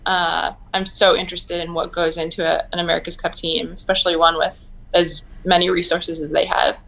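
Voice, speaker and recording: A woman's voice: fairly low pitch, little pitch movement, brisk, vocal fry, fairly bright tone. A woman in her thirties, a sailor being interviewed over a video call from home, talking in an upbeat, chatty way with frequent ums. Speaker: Olympic sailor, guest. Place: home room, indoors.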